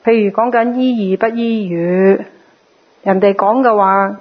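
A woman teaching a Buddhist sutra in a sermon, explaining patiently and now and then mimicking others in a lively voice. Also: medium pitch, measured pace, lo-fi sound.

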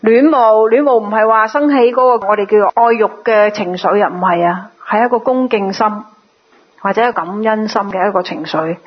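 A woman teaches a Buddhist sutra in a sermon with patient explanations, livening things up at times by mimicking other people. She speaks a little fast in a husky, medium-pitched voice, and the recording's high frequencies are cut off.

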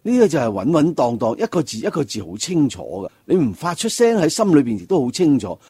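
A Buddhist monk teaching at a slow, careful pace. His voice is husky and swings widely in pitch as he stresses each point. The sound is close and dry, with no room echo. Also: big pitch swings, mellow. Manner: slow, deliberate, explanatory. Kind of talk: dharma talk.

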